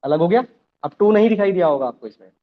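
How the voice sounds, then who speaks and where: A man's voice: sits high, lively intonation, fast talker, phone-quality sound. A man teaching a live programming class, explaining step by step and often checking that the students follow.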